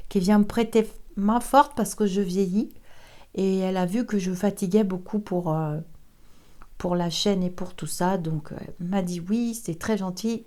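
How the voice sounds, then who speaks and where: A woman, older, giving a chatty psychic card reading, laughing often and sometimes dropping to a whisper. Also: medium pitch. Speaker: psychic reader. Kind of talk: casual tarot reading chat.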